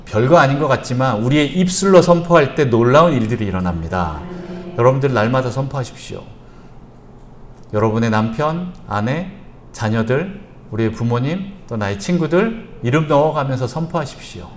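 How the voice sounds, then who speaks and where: A man's voice: medium pitch, expressive, normal speed, slight background noise. A male pastor preaching an evening church sermon, repeating short instructions and having the congregation recite after him.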